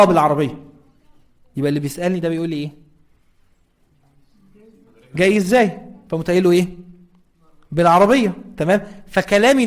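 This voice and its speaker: A man with an Egyptian accent giving a conversational Quran lesson and checking in with his listeners through rhetorical questions. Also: high-pitched. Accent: Egyptian Arabic. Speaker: religious teacher.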